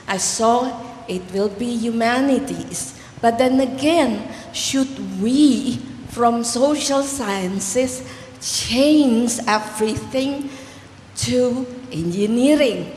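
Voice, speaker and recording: A woman's voice: on the high side, takes it slowly, a little mellow. A woman putting a thoughtful question to a conference panel. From Jakarta, Indonesia. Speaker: audience member asking a question. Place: large conference hall. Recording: echoey hall with long reverb, faint room noise.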